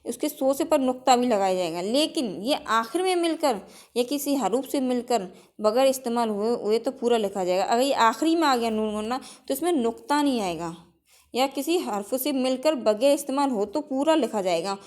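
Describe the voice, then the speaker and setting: Woman teacher, slightly high voice, exam-prep lesson, repeats rules and quizzes the class. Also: lively intonation, normal speed, darkish tone. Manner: repeats each rule, then quizzes it back; drills with example words in a list.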